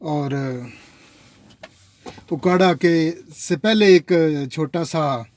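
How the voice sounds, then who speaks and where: Very slowly, in a fairly high and slightly mellow voice, a man from Pakistan chats his way through a casual vlog. He addresses viewers directly as "nazreen" and tends to ramble.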